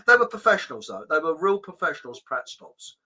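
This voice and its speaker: A middle-aged podcast host rambles through anecdotes in a casual storytelling chat, laughing often and swearing mildly. His voice is very bright, forward and slightly rough, with wide pitch swings, and he keeps everything conversational.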